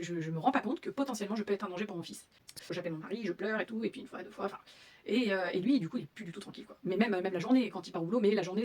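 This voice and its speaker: A woman's voice: medium pitch, slightly rough. A young woman telling her own story as a mother, hesitant, with many fillers and restarts. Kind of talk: personal testimony.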